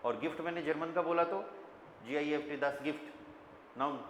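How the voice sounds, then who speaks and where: A man's voice: fairly high pitch, moderate pace, a bit bright. A man with an Indian accent teaching a class, quizzing his students and spelling words out letter by letter. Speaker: German teacher. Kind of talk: classroom lesson. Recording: echoey classroom with long reverb, faint room noise.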